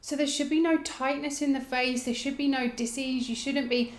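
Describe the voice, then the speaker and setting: A woman teaching a yoga breathing technique, explaining it informally and guiding gently with soft phrase endings. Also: high voice, fairly even intonation, moderate pace. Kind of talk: instructional demonstration, casual explaining. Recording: roomy, echoing indoor sound.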